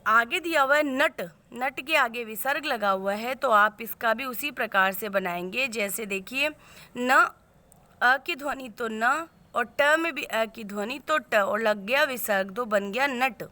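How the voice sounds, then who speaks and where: A woman teacher giving a lesson, explaining slowly and patiently, step by step. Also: on the high side, sharp tone. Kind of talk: classroom lesson on word spelling.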